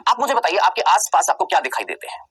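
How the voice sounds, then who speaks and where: A man teaching a biology exam-prep lecture, who asks rhetorical questions and answers them himself, repeats key terms slowly for emphasis, and plays his students' replies. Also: sits high, big pitch swings, fairly bright tone, breathy edge, rough recording.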